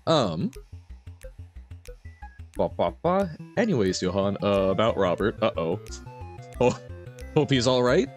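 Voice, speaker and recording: Very animated, chirpy male game streamer. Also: on the low side. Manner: chirpy and playful, with little sound words and exclamations. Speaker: live streamer. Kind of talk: gaming livestream commentary, chatting with viewers. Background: game music.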